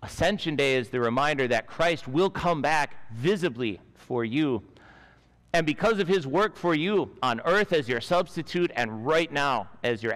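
Earnest guy in his 40s giving a chapel sermon at a school, middle pitch, long echoey chapel reverb. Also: fairly bright tone. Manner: earnest storytelling, gesturing with both hands. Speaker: school chaplain preaching. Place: school chapel stage with a lectern.

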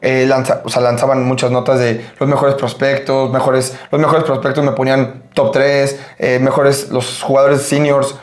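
A young man with a Mexican accent, a podcast guest telling a story in a casual, lively way, full of filler tags. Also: medium pitch, normal speed, few pauses, echoey room. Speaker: podcast guest, American football player.

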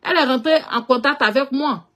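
West african french woman, fairly high voice, chatty and frank, keeps trailing off with "tout ça". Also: brisk, fairly bright tone. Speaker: social media personality. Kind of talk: casual storytelling monologue.

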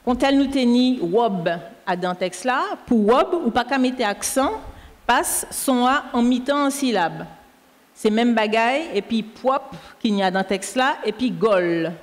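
A woman with a Martinican Creole accent talks through spelling rules, patiently spelling out words letter by letter. Her voice sits fairly high. The sound carries the long echo of a hall. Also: animated, measured pace. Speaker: language teacher correcting a dictation. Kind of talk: explaining spelling rules live on air. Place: school canteen hall. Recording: echoey hall.

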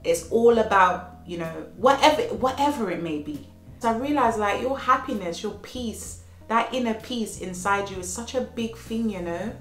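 Animated and fairly bright, this thirtysomething vlogger's mid-range voice moves at a moderate pace as she gives earnest motivational life lessons, repeating phrases for emphasis, though she has a slight cold. She's at home with a child playing in the next room, in an echoey space with faint music.

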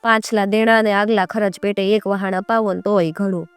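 A woman's voice: medium pitch, fairly even intonation, normal speed, clean tone, no echo, faint music behind, natural voice. A woman voicing a poor widowed village woman pleading before a king.

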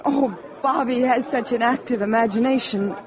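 An actress with an American accent playing a sensible, protective young mother in a 1950s radio drama, gently skeptical. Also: a little high, moderate pace, crowd noise, natural voice. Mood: guarded, brisk. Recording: muffled old radio recording, busy background.

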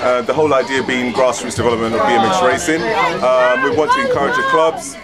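A middle-aged man with a mid-pitched voice talks casually in an interview. He is hesitant and repeats his words, over loud music and crowd noise. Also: sing-song, quick pace.

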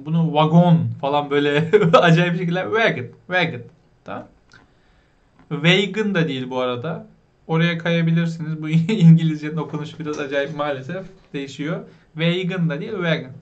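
A man teaching basic English vocabulary, explaining patiently, asking learners questions and pronouncing words slowly. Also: fairly high pitch, lo-fi sound. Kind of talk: vocabulary lesson.

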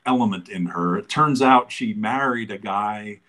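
A man in his sixties talking in a relaxed, thoughtful way as an interview guest, pausing often with fillers. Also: on the low side. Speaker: interview guest, business founder. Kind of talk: casual conversational interview.

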